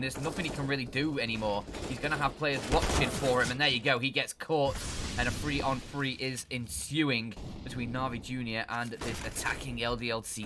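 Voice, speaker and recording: A man commentating live on an esports match in an informal, colloquial caster style. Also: medium pitch. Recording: clear game noise with gunfire.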